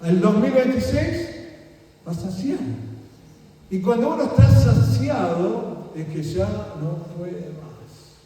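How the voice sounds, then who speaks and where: Preacher, high mellow voice. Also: male voice, expressive, slow, a little hiss or hum. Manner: rhetorical questions to the congregation, quotes scripture. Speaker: pastor. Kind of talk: sermon. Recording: echoey hall from far off.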